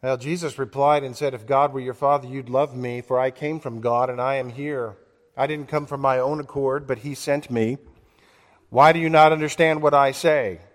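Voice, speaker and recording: A man delivering a sermon as pastor, earnest and measured, slowing down to stress key words and reading scripture aloud. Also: mid-range voice, steady tone. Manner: earnest, measured preaching with slowed emphasis and quoted scripture. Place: church. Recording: long church reverb.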